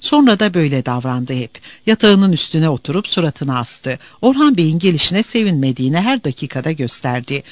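Expressive male audiobook narrator. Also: a little high, brisk, few pauses, no echo. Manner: expressive storytelling.

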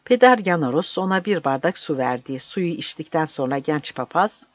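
Audiobook narrator, calm even reading, dry kinda muffled recording. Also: medium pitch, normal speed, no room sound. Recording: dry, slightly dull.

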